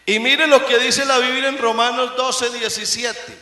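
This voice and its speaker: A man preaching a sermon as pastor, swinging between loud emphatic lines and hushed asides. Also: very high voice, steady tone, a little slow. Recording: echoey room.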